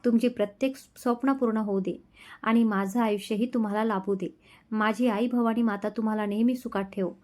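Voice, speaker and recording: A woman's voice: on the high side, steady tone, a little fast, a little mellow, natural voice. A woman voicing a young wife in a romance storybook reading, speaking in an affectionate, pleading way. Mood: loving. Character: young wife, loving and gently bossy.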